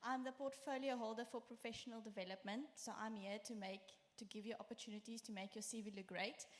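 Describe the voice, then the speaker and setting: A woman's voice: a little high, steady tone, quick pace. A young woman cheerfully introducing herself and promoting a course to new students. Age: young adult. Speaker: student committee member. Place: large hall. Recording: reverberant hall.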